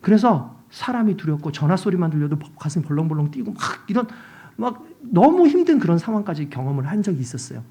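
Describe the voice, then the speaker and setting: Middle-aged man, guest pastor, emotional testimony sermon, lively and expressive pitch. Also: quick pace. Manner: emotional, animated storytelling.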